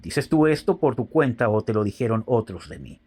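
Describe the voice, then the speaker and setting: A man reading Jesus, slow and grave. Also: medium pitch, big pitch swings, a little mellow, slight background noise, natural voice. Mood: solemn. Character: calm grave adult male teacher, Jesus.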